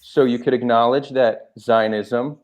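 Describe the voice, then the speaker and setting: A man hosting a live call-in debate, calm and measured, patiently trying to make his point. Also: medium pitch. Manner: calm, measured, repeatedly tries to get a word in. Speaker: host.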